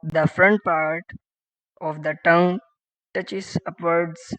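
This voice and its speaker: Slow, flat-voiced male Quran teacher. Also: on the high side, dry recording. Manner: repeats each letter sound several times, louder than his explanations; plain, simple explanations in short phrases. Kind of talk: pronunciation lesson for beginners. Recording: dull lo-fi recording with faint background music.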